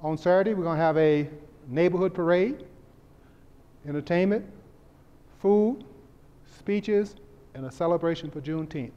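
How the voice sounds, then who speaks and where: Standing before a community center audience, an older event organizer earnestly and forthrightly presents the festival's upcoming events. His voice sits on the high side, warm, clear and resonant, at normal speed with long pauses, and the hall recording sounds dull and echoey.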